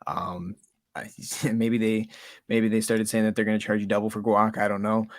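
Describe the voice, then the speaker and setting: A man's voice: on the low side, level tone, moderate pace, no echo, clean studio sound. A man co-hosting a markets show, talking in casual chat, swearing and ranting about the stock market. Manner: profane, agitated ranting.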